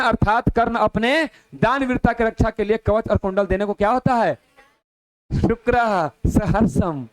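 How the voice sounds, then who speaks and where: A man with a very high, smooth, resonant voice teaches a Sanskrit lesson. He reads verses slowly and keeps asking himself what a word means before he answers. The sound is dry and close. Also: no echo. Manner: reads verses slowly, explains with rhetorical questions.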